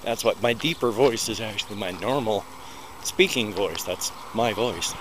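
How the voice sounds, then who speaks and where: Speaking at a normal speed in a fairly low voice, this middle-aged American man chats his way along a busy road in a small town for a casual walking vlog. His narration is rambling and self-mocking, captured on a handheld recorder near his mouth over heavy traffic noise.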